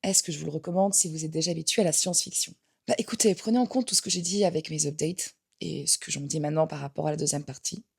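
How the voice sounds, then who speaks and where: A young adult woman giving frank book reviews in a casual vlog, with animated, playful asides. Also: low-pitched, fast talker, gravelly, husky. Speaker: book vlogger.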